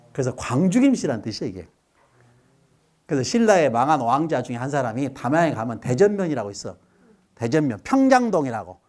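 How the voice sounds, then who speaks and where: A man's voice: a little high, darkish tone. A middle-aged lecturer talks to a live audience. His voice rises and falls a great deal. He cracks jokes, fires questions at the crowd and leads them in repeating words back. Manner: joking, quizzes the audience and has them repeat after him.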